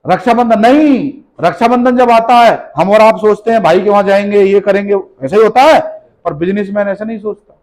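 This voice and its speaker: A motivational business speaker with a high, slightly mellow voice talks a little fast to a live seminar-hall audience. Emphatic and scolding, he fires rhetorical questions and keeps repeating key phrases, on a low-quality recording.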